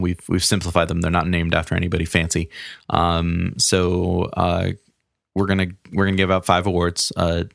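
A man's voice: sits low, vocal fry, a bit bright, no room sound, studio quality. A man hosting a casual sports podcast, talking in a loose, rambling way that runs segments as he goes. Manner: loose, rambling, many fillers and restarts. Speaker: podcast host.

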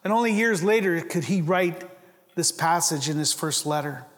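A man's voice: fairly high pitch, expressive, normal speed. Preaching man in a reverberant hall. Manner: earnest preaching with rising emphasis and frequent restarts. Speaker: pastor. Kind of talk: sermon.

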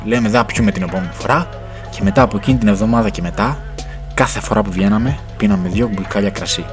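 A young man telling a slangy story in a relaxed chat, laughing now and then, on a radio podcast. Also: lowish voice. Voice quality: laid-back slangy, laughs often. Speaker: podcast guest. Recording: music playing underneath.

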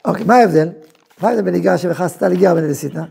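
A man teaching a Torah class as a rabbi, telling a story and acting out its voices with emphatic, lively delivery. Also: sits high, gravelly, husky. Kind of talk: animated Torah lesson with storytelling.

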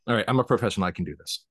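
A man's voice: lowish voice, a bit bright, no echo, studio quality. A man with a Southern US accent hosting a casual podcast interview, rambling and self-conscious with many restarts. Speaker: podcast host.

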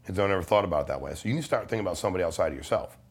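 Speaking rapid-fire in a husky low voice with lively intonation, this middle-aged man is a life insurance salesman guesting on a podcast. His casual, persuasive talk is blunt and emphatic, peppered with slang and curses.

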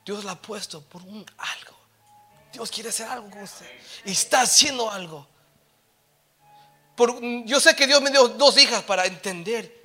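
Male preacher, middle-aged; sharp bright tone, sits high; code-switching sermon, playful asides, emphatic build-ups. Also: unhurried, long pauses, husky, soft background music. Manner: switches between Spanish and English, joking asides; swells to loud, emphatic exhortation.

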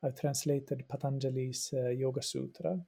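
A middle-aged religious studies professor from Finland, whose first language is Swedish, explains patiently in a podcast interview. Thoughtful and explanatory, he often repeats words and uses fillers as he thinks, speaking at normal speed in a mid-range, creaky, mellow and husky voice with little pitch movement.

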